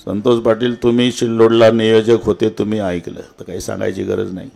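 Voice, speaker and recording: A man's voice: creaky, a little mellow. Impassioned kirtan preacher, man. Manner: dramatic, swings from low murmurs to high impassioned cries; addresses audience directly with rhetorical questions. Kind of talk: devotional kirtan sermon.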